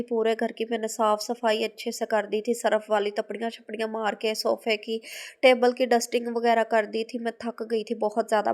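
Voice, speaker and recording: In a casual voice-over for her vlog, a thirtysomething housewife chats about her day in a homely, wandering way. She speaks with a Pakistani Urdu accent, and her pitch runs fairly high.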